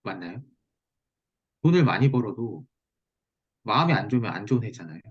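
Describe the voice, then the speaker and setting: Husky male teacher on muffled call. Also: fairly low pitch, very animated, brisk. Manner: checks understanding with short tag questions. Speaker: teacher of Korean saju fortune-telling. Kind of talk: one-on-one online lesson, explanatory talk. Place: online video call. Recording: muffled, lo-fi video call audio.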